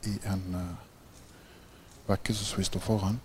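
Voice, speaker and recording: Lively, low-voiced man preaching. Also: a little hiss or hum. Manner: keeps asking listeners "right?"; laughs often while telling stories. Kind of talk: sermon with animated storytelling.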